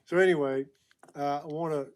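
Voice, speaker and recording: A man presenting permit items at a public meeting, halting with many fillers and clearing his throat often. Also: a little high, steady tone, darkish tone.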